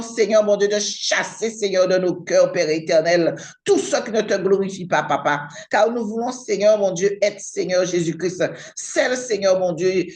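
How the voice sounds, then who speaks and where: Woman praying out loud, rhythmic, keeps saying lord my god between every bit, voice on the deep side. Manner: fervent, repeats "Seigneur, mon Dieu" and "Papa" between every phrase. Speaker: prayer partner. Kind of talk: spoken prayer.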